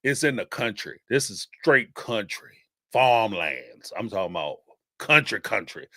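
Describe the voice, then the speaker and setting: Fairly low and a little slow, his voice comes through clean studio sound without echo. As host of a live-stream call-in show, this Northeastern US man with a Philadelphia accent rambles animatedly, laughing often and leaning on plenty of fillers.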